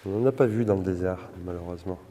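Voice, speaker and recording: Hushed man with cathedral-like echo. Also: deep voice, fast talker, a little hiss or hum. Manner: hushed, awed remarks, often trailing off. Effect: long echoing reverb, like a vast stone hall. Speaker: vlogger touring an ancient temple. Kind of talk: casual spoken tour commentary. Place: large indoor stone chamber. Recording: long echo in a stone chamber.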